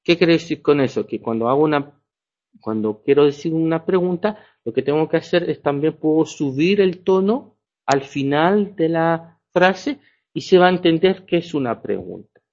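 A man's voice: on the high side, expressive, moderate pace, darkish tone. Man teaching in a lo-fi recording. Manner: explanatory, checks understanding with "ya". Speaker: French teacher. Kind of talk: classroom lecture. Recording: dull lo-fi sound.

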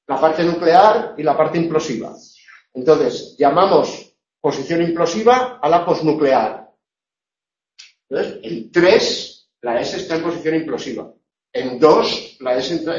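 A man teaching a class on pronunciation, drawing out his examples slowly and checking in with the students again and again. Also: fairly high pitch. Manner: slow, drawn-out examples with frequent "¿eh?" and "¿vale?" checks. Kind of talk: classroom lecture on phonetics. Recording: echoey room, distant lo-fi mic.

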